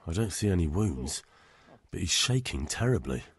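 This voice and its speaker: Low, husky, earnest young commoner. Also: male voice, big pitch swings, normal speed, dry recording, exaggerated voice. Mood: concerned. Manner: plain, direct questioning. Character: earnest, plain-spoken young medieval commoner hero. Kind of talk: video game dialogue acting.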